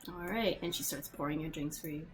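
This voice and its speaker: A woman narrating as dungeon master in a casual online tabletop game, relaxed and laughing easily. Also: low-pitched, brisk, soft background music.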